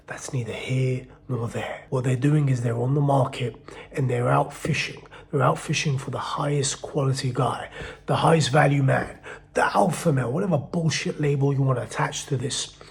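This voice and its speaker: A man giving blunt, profane dating advice in a casual monologue, swinging between loud emphasis and low muttering. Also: creaky.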